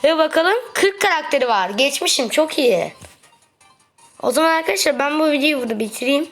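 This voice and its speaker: A woman talking through her matches as a gaming video creator, chatty and quick to get exasperated with teammates. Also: high-pitched, lively intonation, a bit bright. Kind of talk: gameplay commentary. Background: background music.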